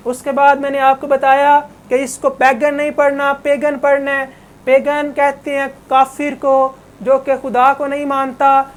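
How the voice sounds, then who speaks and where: A woman's voice: high voice, slight background noise. A woman giving an online English lesson, patiently explaining words and correcting pronunciation. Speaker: English teacher. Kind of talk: online classroom lecture.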